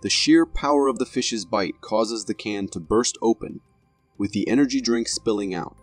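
A man's voice: fairly low pitch, normal speed, no echo, soft background music. A man reading scripted narration for a video compilation in a dramatic, formal manner.

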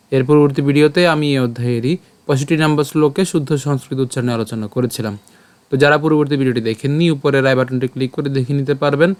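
A man teaching the Gita, breaking a Sanskrit verse into syllables and chanting it slowly with a tune. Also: medium pitch, no echo. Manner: slow syllable-by-syllable pronunciation drill. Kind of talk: devotional recitation lesson.

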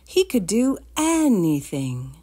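Slow, expressive woman reading to kids. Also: mid-range voice, breathy edge. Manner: expressive, asks listeners questions. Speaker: storytime reader. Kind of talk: children's read-aloud narration.

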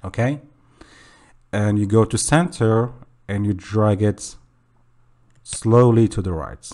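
A young man talks through a screen-recorded software tutorial with a low, mellow voice. His delivery is casual and unpolished, often checking in with the listener and fixing his own slips as he goes. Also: slow pace. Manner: casual, self-correcting, says okay often. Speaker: tutorial host.

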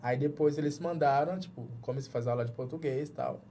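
Dark in tone and mid-range in pitch, this man talks at a quick pace over slight background noise. He's a journalist from Jamaica in his thirties, Jamaican-accented, appearing as a guest in a small padded studio for informal interview talk and often restarting words while searching for the Portuguese.

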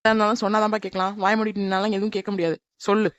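A woman voicing a sharp-tongued, jealous young woman in a cartoon, scolding and sarcastic. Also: mid-range voice, level tone, racing, no room sound, dull audio, close to an everyday voice. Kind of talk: animated cartoon dub.

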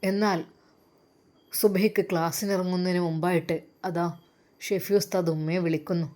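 A woman narrating an emotional story in a slow, heartfelt way. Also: on the low side, steady tone, mellow.

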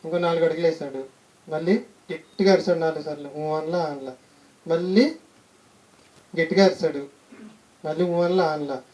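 Preacher, short sermon, storytelling, asks the listeners questions, dark mellow tone. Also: medium pitch, fairly even intonation, moderate pace, long pauses. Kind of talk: sermon with a humorous anecdote. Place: church gathering.

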